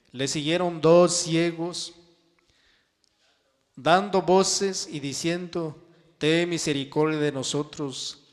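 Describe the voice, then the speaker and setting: A man preaching a sermon and reading scripture, drawing his phrases out with emphasis and sudden soft drops. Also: on the high side. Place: church hall. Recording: long church-hall reverb.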